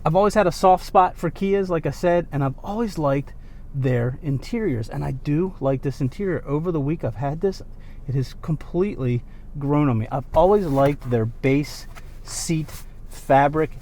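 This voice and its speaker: A man with a somewhat higher-pitched voice talks through a casual car review. He is conversational and opinionated, repeating words to stress a point. The binaural recording carries noticeable background noise from the car and its surroundings. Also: normal speed, darkish tone. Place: in and around a car. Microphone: binaural microphones.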